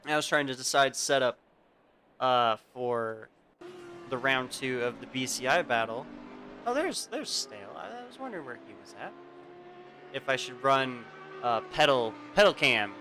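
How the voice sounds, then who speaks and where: A man's voice: mid-range voice, animated, normal speed, pushed and bright, faint music behind. A man hosting a live sim racing stream, giving casual race commentary and chatting directly to his viewers. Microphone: home streaming mic. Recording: game car engine noise behind voice. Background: racing game engine and track sounds.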